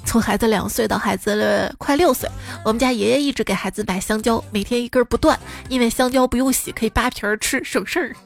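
A woman's voice: a little high, fast, vocal fry, hardly any pauses, faint music behind. A woman radio host reading out listeners' funny stories about children, with teasing comic asides and playful imitations of the kids. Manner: playful teasing commentary, lively mimicking of children's lines.

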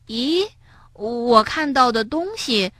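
A woman voicing a gentle young male frog in a storybook, speaking softly with sighs. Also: on the high side, animated, slow, no echo, studio quality, voice pushed up, heavily acted. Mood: sad. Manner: soft and sighing.

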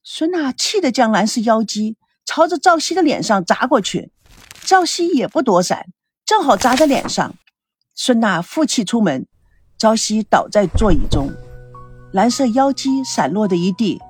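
A woman narrating a dramatic story in an expressive scripted style. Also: a little high, moderate pace, faint music behind.

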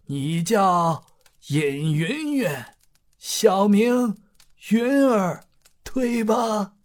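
A man voicing a weak but kindly old man in an audiobook, speaking slowly and softly in a raised, thin voice. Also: high-pitched, animated, pitched above the performer's own voice, exaggerated voice. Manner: slow, soft, drawn-out elderly speech. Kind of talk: audiobook character voice.

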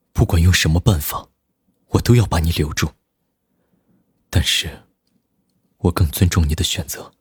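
A man voicing a domineering, possessive powerful man, speaking low, firm and intense. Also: slightly rough, dry recording, studio quality. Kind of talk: audiobook character voice.

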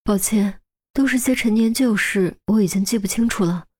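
A woman's voice: medium pitch, moderate pace, darkish tone, lightly acted. A woman doing a guarded widow in her thirties. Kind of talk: audiobook character voice.

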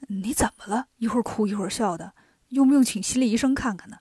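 A woman voicing a mild, naive elderly male monk master who speaks softly and gently, for a children's story. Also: on the high side, fast talker, slightly rough, dry recording, studio quality. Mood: puzzled.

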